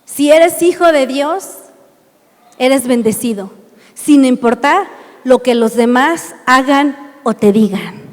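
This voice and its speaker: High-voiced Mexican woman preaching. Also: takes it slowly. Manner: emphatic, asks many rhetorical questions. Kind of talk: sermon. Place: church hall. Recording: reverberant church hall.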